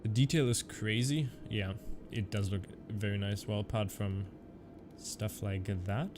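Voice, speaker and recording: A young German man with a Canadian-German accent chats casually on a flight sim live stream, reading chat aloud and answering his viewers. His fairly low voice is steady and unhurried, with a noisy background behind it.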